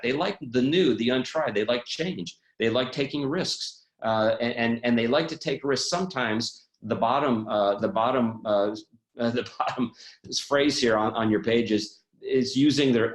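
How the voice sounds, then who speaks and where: A man presenting a personality-type webinar, telling personal stories in an animated way with many restarts. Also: mid-range voice, reverberant.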